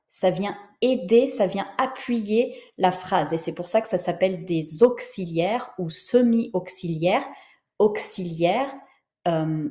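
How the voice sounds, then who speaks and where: A woman teaching French grammar at an unhurried pace, saying each form slowly and clearly. Her voice is soft and mellow, recorded in a room with a noticeable echo. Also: mid-range voice. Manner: patient and explanatory, models each word slowly. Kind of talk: slow, clear grammar lesson.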